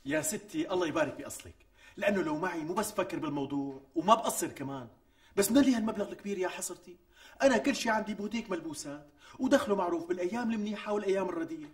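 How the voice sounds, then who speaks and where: An actor playing a harried young husband short of money, with a Syrian Damascene accent, protesting in exasperation. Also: male voice, high-pitched, animated, very fast. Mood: exasperated. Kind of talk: TV sketch acting. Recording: distant mic with faint music.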